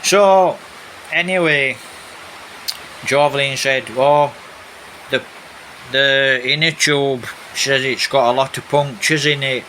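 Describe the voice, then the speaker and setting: A man's voice: medium pitch, slow, pauses often, low-quality recording. A man giving a casual, rambling, repetitive vlog narration over video footage. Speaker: vlogger. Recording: steady background noise, rain on roof. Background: rain on a roof.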